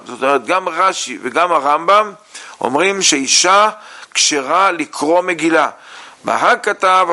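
Man, rabbi teaching religious law, bright tone, slightly high voice, halting with fillers. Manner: halting, many "uh" fillers, reads sources aloud then explains. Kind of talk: halakha lesson.

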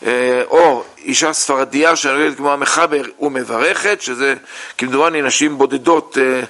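A man teaching a lesson on religious law, reading sources aloud and explaining them with many pauses and fillers. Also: medium pitch, steady tone, fairly bright tone. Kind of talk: halakha lesson.

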